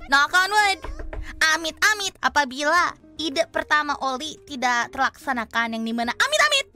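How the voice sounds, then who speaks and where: A bright, high-pitched young woman talks animatedly on a casual stream. She slips between languages and acts out the lines of other people as she tells a story. Faint music plays behind her. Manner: animated, switches between Indonesian and English, acts out quoted dialogue; refers to herself in third person. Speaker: VTuber streamer.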